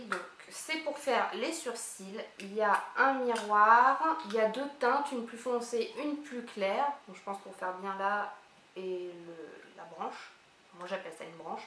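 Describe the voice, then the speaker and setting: A woman vlogger chatting excitedly as she unboxes gifts, thinking aloud as she goes. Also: fairly high pitch. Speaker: beauty vlogger. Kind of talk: casual unboxing chat. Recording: roomy echo, faint hiss.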